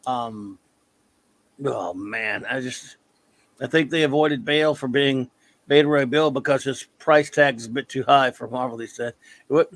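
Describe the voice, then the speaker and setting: A man's voice: mid-range voice, a little slow, no room sound. A man in a casual chat, blunt and opinionated, grumbling about comic films.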